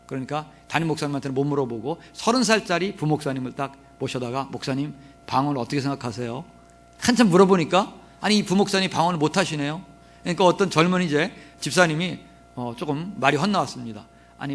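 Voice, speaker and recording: A man's voice: on the high side, a bit bright. A man preaching a sermon as pastor, joking and asking the congregation questions, sometimes slipping into regional dialect. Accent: Korean dialects mixed, Jeolla touches. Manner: humorous, asks the congregation questions and has them repeat. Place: church sanctuary.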